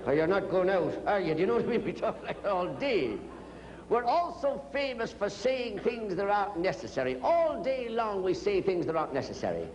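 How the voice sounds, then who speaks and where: A man's voice: high voice, big pitch swings, a little fast, in a large hall, low-quality recording. A man with an Irish accent telling jokes and little stories in a chatty, teasing way. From Ireland. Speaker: comic storyteller. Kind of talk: stand-up jokes and anecdotes.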